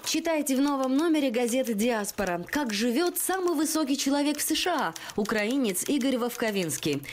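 Lady ad read, headline style, high voice, bit of clicky noise. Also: very animated, brisk. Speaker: newspaper ad announcer. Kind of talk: scripted headline-style radio ad.

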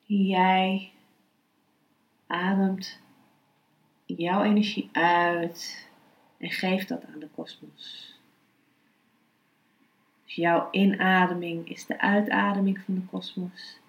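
A woman speaking as a meditation and philosophy teacher, calm, unhurried and instructive. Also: fairly low pitch, lo-fi sound. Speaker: yoga philosophy and meditation teacher, podcast host. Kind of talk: spoken lesson, then slow guided meditation. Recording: roomy, echoing sound.

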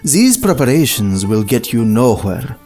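A man playing a kindly, wise old religious elder who speaks calmly and gently in an audio drama. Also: medium pitch, a little slow, soft background music. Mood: gentle, instructive.

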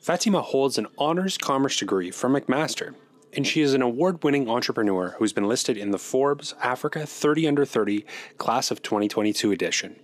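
A man's voice: medium pitch, lively intonation, brisk. A man reading a scripted introduction as the host of an alumni interview series. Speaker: narrator host. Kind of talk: scripted narration. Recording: voice-over with music bed.

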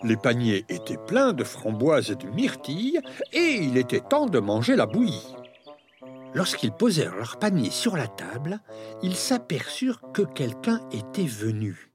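A man reading a children's fairy tale aloud, very expressive, and now and then speaking straight to his listeners. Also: medium pitch, measured pace, over music. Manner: expressive, addresses listeners directly. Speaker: storyteller.

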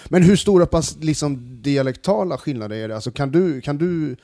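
A man hosts a relaxed conversation, circling around his questions with restarts. His voice is warm and mellow, and the recording is dry and close. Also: a little high, dry recording. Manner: hesitant questions, many fillers and restarts. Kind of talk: casual chat.

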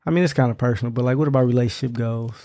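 Creaky, mellow American man chatting. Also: mid-range voice, fairly even intonation, racing. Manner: slangy, conversational. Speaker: podcast host. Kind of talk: casual chat.

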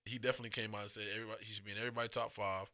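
A man with a gravelly, bright and forceful voice, talking loosely and profanely with a co-host. He has the hiccups and jumps between points in animated banter. The sound is dry and close. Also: on the low side, racing, dry recording. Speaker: podcast co-host. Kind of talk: casual chat.

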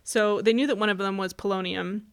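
A woman's voice: medium pitch, fairly even intonation, brisk. Woman podcaster telling history casually, chatty, lots of laughing. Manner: chatty storyteller, laughs often, acts out quotes. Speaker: podcast co-host telling the story.

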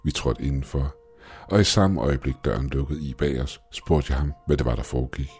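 A man narrating a scripted first-person story in a steady, measured way. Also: very deep voice, breathy edge, soft background music.

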